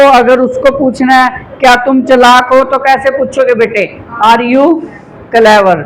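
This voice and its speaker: High-voiced Hindi-speaking male English teacher. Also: fairly bright tone, slight background noise, poor audio. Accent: Haryanvi Hindi. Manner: coaching students, calls them beta. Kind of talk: classroom lesson. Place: classroom.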